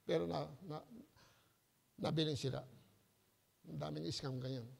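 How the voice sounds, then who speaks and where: A male Filipino pastor preaching a sermon. He calls "Hello?" to the congregation and swings between soft asides and loud emphasis. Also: fairly high pitch, steady tone, unhurried, gravelly, big-room sound.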